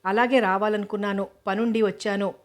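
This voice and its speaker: A woman voicing a calm, teasing young male medical student who speaks in a playful, unhurried way. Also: mid-range voice, natural voice.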